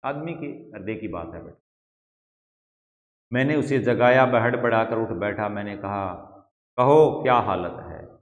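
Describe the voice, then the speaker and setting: A man's voice: fairly low pitch, unhurried, long pauses. A male Hindi teacher with a Rajasthani accent, reading a story aloud to his class and stopping to explain words to the students. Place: school classroom. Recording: echoey classroom, dull lo-fi sound.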